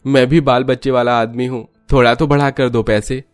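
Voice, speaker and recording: A man's voice: on the high side, normal speed, a little mellow, no echo, faint music behind, natural voice. A man voicing a poor, weary woodcutter who is a family father and speaks in a humble, pleading tone, in storybook acting.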